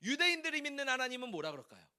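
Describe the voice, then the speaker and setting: A man's voice: very high voice, big pitch swings, racing, bright, forceful tone, smooth. A male pastor preaching a Sunday sermon in a church, asking the congregation questions as he goes. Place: church sanctuary.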